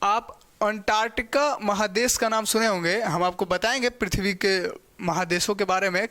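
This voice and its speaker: A man's voice: high-pitched, fairly even intonation, sharp tone. A male teacher giving a geography lecture, explaining step by step and often checking in with the class. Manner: spells out pronunciation slowly.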